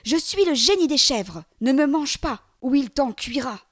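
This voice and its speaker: A woman voicing a brave, cunning little boy in a storybook reading, with a high, mocking voice. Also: expressive, normal speed. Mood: shouting.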